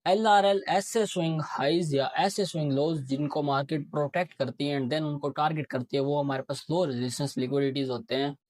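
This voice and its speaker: A man's voice: fairly high pitch, steady tone, brisk, hardly any pauses, darkish tone, dry recording. A man, teaching a casual lesson on reading charts, often asking a question and answering it himself. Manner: explains while marking a chart. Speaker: trading teacher.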